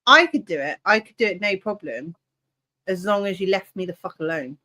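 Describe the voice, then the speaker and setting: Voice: mid-range voice, lively intonation, a little fast, pushed and bright. A person chatting bluntly on a live stream, swearing freely. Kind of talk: casual chat on a live stream.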